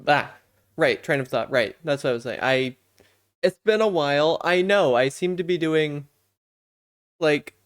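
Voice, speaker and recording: A live streamer chatting casually with viewers in a playful, self-deprecating gamer manner. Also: medium pitch. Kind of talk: casual livestream chat with viewers.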